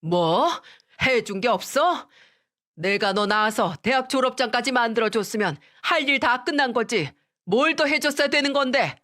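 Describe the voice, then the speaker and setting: A woman's voice: fairly high pitch, expressive, normal speed, fairly bright tone, pitched above the performer's own voice. A woman voicing an angry elderly father-in-law who scolds his son in a raised voice. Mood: indignant.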